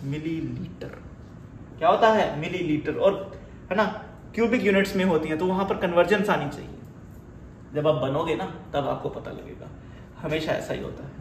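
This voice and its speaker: A man with an Indian accent giving a physics lecture, mixing Hindi and English and asking and answering his own questions. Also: high-pitched. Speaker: physics teacher. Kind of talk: classroom lecture. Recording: roomy, far from the mic, faint hiss.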